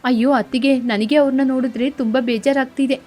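A woman's voice: high voice, steady tone, fairly quick, natural voice. Revathi, a woman voicing a kind young girl. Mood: pleading. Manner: gentle, pleading. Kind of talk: cartoon story voice acting.

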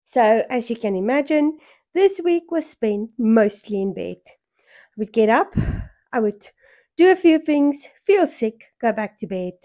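Hoarse South African woman, close and dry. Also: on the high side, expressive, measured pace, mellow, no room sound. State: hoarse, voice worn from a cold. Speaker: sewing vlogger. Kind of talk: casual vlog chat to camera. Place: small furnished room at home, indoors. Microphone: small microphone held near the mouth.

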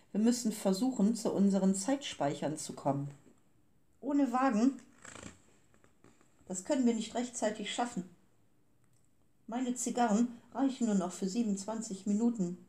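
A woman's voice: fairly low pitch, expressive, moderate pace, dark tone, close to an everyday voice. Woman reading as cold grey male time thieves. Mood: panicked. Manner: clipped and formal, turning panicked.

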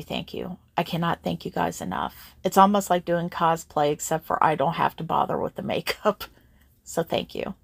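A woman's voice: fairly low pitch, dry recording. A woman voice actor hosting her own channel, earnestly speaking straight to her listeners in a casual update.

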